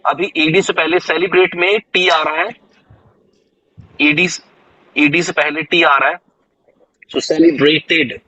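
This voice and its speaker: Slow, husky Indian English teacher. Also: male voice, on the high side, little pitch movement, sharp tone, muffled recording. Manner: slow, drawn-out repetition of English phrases for students. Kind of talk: online spoken English class.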